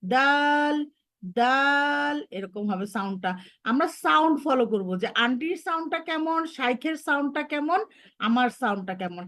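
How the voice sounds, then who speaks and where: Brief: high-pitched woman, Bangladeshi Bengali accent, patient online tutor for kids. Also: expressive, normal speed, a bit bright, no echo. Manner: patient, encouraging, models sounds repeatedly. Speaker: Arabic pronunciation teacher. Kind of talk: online lesson for children.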